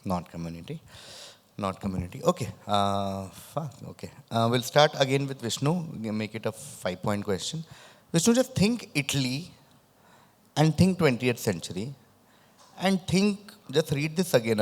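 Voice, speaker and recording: Male quiz host, average pitch, lisp with whistling s, live and conversational, reverberant recording. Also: sing-song, moderate pace. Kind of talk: live quiz hosting, reading questions and chatting with contestants. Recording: echoey, long room reverb.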